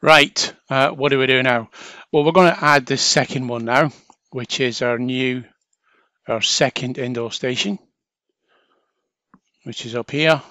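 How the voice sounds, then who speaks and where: A little slow and pausing often, a mid-pitched male training instructor chats informally as he explains each step of a software setup. The recording is dry, with barely any room in it.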